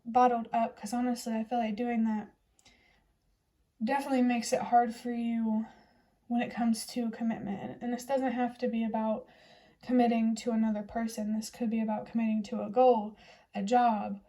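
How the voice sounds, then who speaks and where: A young woman giving a casual, reassuring tarot reading to her viewers in a gentle, chatty way. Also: fairly high pitch, level tone, normal speed. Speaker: tarot reader.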